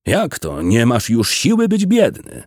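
A man's voice: low-pitched, huge pitch swings, slow pace, no echo, clean studio sound, exaggerated voice. A man voicing a harsh, contemptuous rich farmer who speaks sharply and slyly. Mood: scornful. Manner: sharp, scornful, sly.

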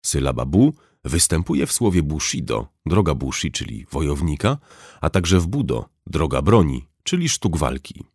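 A man with a very deep voice reads scripted nonfiction narration in a measured, lecture-like way. His intonation rises and falls widely, and he slows deliberately over foreign terms. The recording is dry and close, with no room sound. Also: sing-song, a little mellow, slightly rough, dry recording.

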